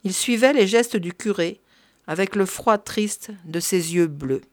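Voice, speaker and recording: A woman's voice: medium pitch, dry recording. Woman reading a story, dry close sound. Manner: measured, even reading. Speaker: reader. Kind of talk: storybook narration.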